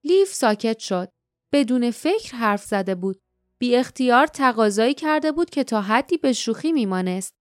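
Woman reading a storybook aloud, smooth higher voice, dry close sound. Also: expressive, no echo. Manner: reads dialogue in light character voices, raising pitch for quotes. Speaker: audiobook narrator. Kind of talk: scripted narration.

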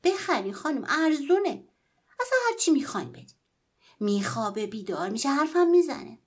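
A woman's voice: sits high, sing-song, pitched above the performer's own voice. Woman doing a pleading poor little boy. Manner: pleading and calling out loudly. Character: poor young boy peddling a doll in the snow, pleading.

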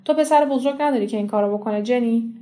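A woman's voice: a little high, warm tone, lightly acted. A woman reading the part of a matter-of-fact male village official in an audiobook story. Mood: businesslike. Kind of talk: audiobook character voice.

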